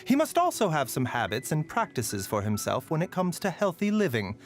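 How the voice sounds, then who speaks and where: Over background music with slight noise, a male actor performs video game voicelines for a polite, soft-spoken pharmacist with a gently wry, weary air. His voice is fairly high with huge pitch swings, and his phrasing is measured, courteous and lightly teasing.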